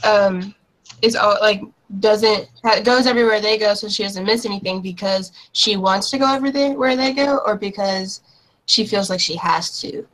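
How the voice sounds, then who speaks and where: A woman's voice: medium pitch, normal speed, fairly bright tone, low-quality recording. A teenage woman student on a video call, hesitant and searching for her words. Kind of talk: casual video-call book discussion. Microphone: laptop on a video call.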